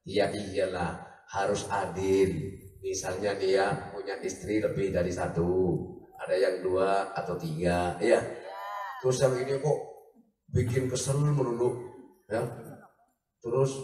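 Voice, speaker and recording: A man's voice: sits low, steady tone, a little slow, pauses often, a little mellow, a little hiss or hum. A man preaching a humorous religious sermon, joking and asking his listeners questions. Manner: jokey, asks the crowd questions. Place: large hall at a religious gathering. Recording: echoey hall, voice from far off.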